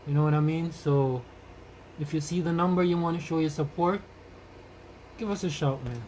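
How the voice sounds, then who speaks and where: Moving around while streaming, far from the mic, this podcast host speaks Rasta-style at a moderate pace in a fairly high, slightly mellow voice. He greets his community with blessings and repeats phrases for emphasis, and the audio is noisy and distant.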